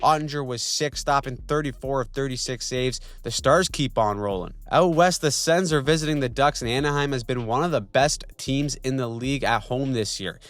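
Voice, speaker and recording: A man's voice: mid-range voice, normal speed, few pauses, a bit bright, no room sound. A young man narrating a scripted weekly hockey recap with snarky, slangy jokes. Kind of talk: scripted sports recap voice-over.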